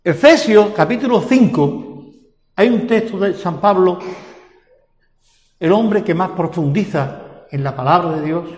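A man's voice: sits high, animated, measured pace, pauses often, a little mellow. An older man with a Spanish accent from Spain, preaching a sermon and asking repeated rhetorical questions. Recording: echoey hall with long reverb.

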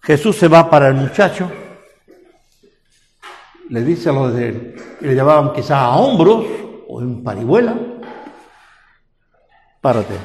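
A man's voice: medium pitch, lively intonation, measured pace, long pauses, darkish tone. An older man with a Spanish accent from Spain, preaching a sermon and asking repeated rhetorical questions. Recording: echoey hall with long reverb.

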